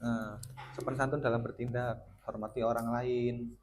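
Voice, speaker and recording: A man's voice: mid-range voice, little pitch movement, normal speed, background noise. A man working as a school counselor, leading a casual group guidance lesson and often asking his students questions. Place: school classroom. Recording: classroom with student chatter. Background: students talking and answering.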